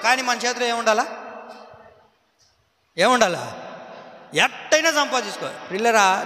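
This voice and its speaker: A man's voice: extremely high pitch, sharp tone, roomy sound, big-room sound. A man preaching a sermon as pastor, emphatic, repeating phrases and asking his congregation questions. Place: church hall.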